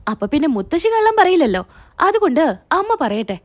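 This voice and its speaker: Scheming mother-in-law who keeps scolding, read by a woman, high and lively. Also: fairly quick. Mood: accusing. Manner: accusing, scolding.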